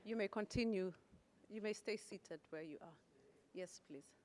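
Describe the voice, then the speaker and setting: A woman's voice: mid-range voice, moderate pace. A woman giving a formal, polite podium speech as master of ceremonies at a conference. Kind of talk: formal event announcing. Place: large conference hall, public address. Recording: echoey hall, clear background noise.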